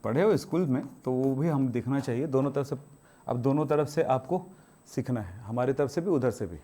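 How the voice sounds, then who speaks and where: A man's voice: medium pitch, expressive, normal speed, warm tone. A man teaching a chemistry class, asking his students questions and answering them himself, strict about homework. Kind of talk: classroom lecture.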